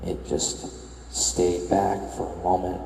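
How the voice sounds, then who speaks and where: A young man giving a soft-spoken, reflective voice-over as he tours a game world, musing hesitantly and correcting himself as he goes. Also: completely flat delivery, slow pace, creaky, echoey room, long reverb tail, low-quality recording. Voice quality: soft, low-key murmur. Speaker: video game tour vlogger.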